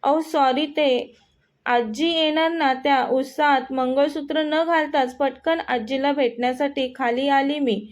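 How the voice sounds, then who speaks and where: A woman voicing a shy young wife who speaks softly and apologetically. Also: high-pitched, steady tone, a little slow. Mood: apologetic. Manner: soft apologetic.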